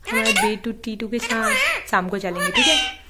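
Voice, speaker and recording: A woman's voice: medium pitch, lively intonation, moderate pace, very noisy. A woman talking casual baby talk to her pet parrot, coaxing and sing-song, laughing often, filmed on a phone at home. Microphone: phone camera.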